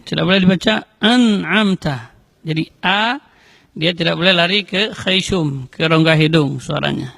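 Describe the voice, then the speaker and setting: A man teaching correct Quran recitation, explaining letter sounds slowly and carefully between chanted verses. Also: fairly high pitch, vocal fry, fairly bright tone, dry recording. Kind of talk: tajwid lesson with recited examples.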